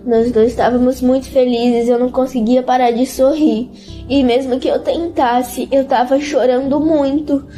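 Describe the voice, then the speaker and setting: High-pitched woman, halting and tearful. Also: steady tone, dark tone, soft background music. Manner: halting and repetitive, often tearful. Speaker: interviewee giving a religious testimony. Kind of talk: emotional spoken testimony.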